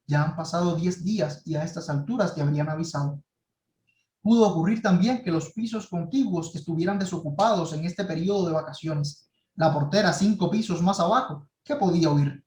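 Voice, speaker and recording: A male writing workshop teacher reading a short story aloud in measured, dramatic tones. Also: a little high, a little mellow. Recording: roomy echo.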